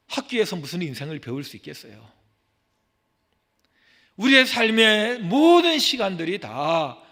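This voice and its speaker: A man delivers a sermon, rising to loud, urgent exhortation and then dropping to hushed, near-whispered pleading. His voice sits high and bright, with a lively, sweeping pitch. The sanctuary adds a long, ringing reverb. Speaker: senior pastor. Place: church sanctuary.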